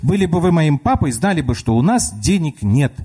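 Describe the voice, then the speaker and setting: A man's voice: fairly high pitch, sing-song, moderate pace, warm tone, husky, voice pushed up. A man voicing a small, stubborn and suspicious girl in a comic radio story. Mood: matter-of-fact. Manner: childish, wary, prim.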